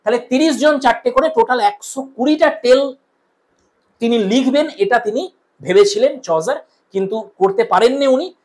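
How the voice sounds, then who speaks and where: A woman with a West Bengal Bengali accent lectures like a patient exam coach, her voice pitched slightly above the usual. She spells out points for note-taking and says them again slowly. She often turns to her listeners to ask whether it is clear. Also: a little mellow. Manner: dictates notes, repeats key points slowly; addresses viewers as friends, asks checking questions. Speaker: exam-prep tutor. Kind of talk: classroom lecture.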